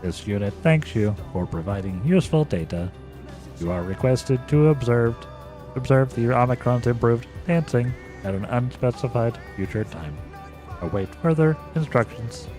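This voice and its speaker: A man's voice: medium pitch, lively intonation, normal speed, over music, close to an everyday voice. A man doing a robot voice for a formal robot unit, reading its lines in clipped machine phrasing. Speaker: gamer reading in-game robot lines aloud. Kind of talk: playful voicing of game dialogue.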